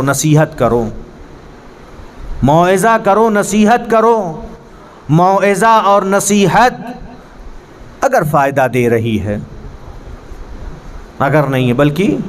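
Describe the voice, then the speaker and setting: A man's voice: a little high, a little hiss or hum. A man teaching a Quran pronunciation class, earnestly correcting his students and demonstrating the Arabic sounds. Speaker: religious teacher. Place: mosque hall.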